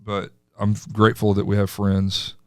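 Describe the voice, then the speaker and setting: A man, a pastor hosting a casual podcast chat with halting restarts and easy laughs. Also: lowish voice, monotone, smooth, no room sound, clean studio sound, faint music behind.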